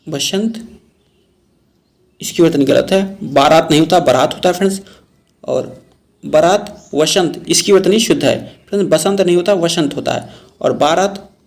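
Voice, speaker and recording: A man's voice: high-pitched, creaky, darkish tone. A man teaching Hindi spelling for an exam, going through each option word by word and repeatedly calling his viewers friends. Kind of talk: exam-prep spelling lesson.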